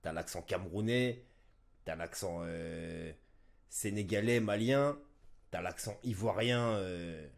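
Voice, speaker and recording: A man's voice: low-pitched, slow pace. A man streaming a reaction, commenting casually and thinking aloud with hesitations. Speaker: streamer reacting to a rap battle.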